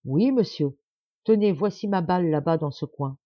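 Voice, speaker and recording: A woman's voice: on the low side, lively intonation, normal speed, dark tone, no echo, highs cut off. A woman reading the part of a proud, stubborn middle-aged man who talks with insistent, forced cheer. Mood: satisfied.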